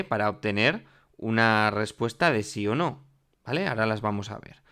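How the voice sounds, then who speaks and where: A man's voice: medium pitch, a bit bright. A man teaching French to Spanish speakers in a classroom lesson, explaining patiently and checking in often with the class. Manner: explanatory, repeats "¿vale?" and "mirad" often.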